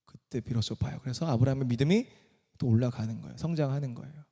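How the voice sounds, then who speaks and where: A man's voice: mid-range voice, fast, warm tone. A man preaching a sermon at a church worship service. He speaks emphatically and keeps asking the congregation questions. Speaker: pastor. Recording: long reverb of a large hall.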